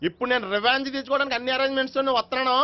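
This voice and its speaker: An actor playing an excitable, hotheaded young man who rants and boasts in a comic film scene. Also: very high-pitched, rapid-fire. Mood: boastful. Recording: dull lo-fi film soundtrack.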